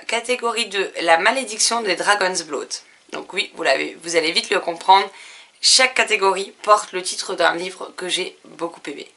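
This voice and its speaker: A woman book vlogger chatting through a reading challenge list, pausing with fillers and correcting herself as she goes. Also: medium pitch, bright, forceful tone. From France. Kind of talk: casual book challenge presentation.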